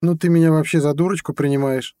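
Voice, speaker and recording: A man reading an audiobook, voicing a playful, teasing young woman, the narrator's girlfriend, in a lighter, higher voice. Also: a little fast, warm tone, dry recording, clean studio sound, lightly acted. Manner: light, teasing, giggly speech.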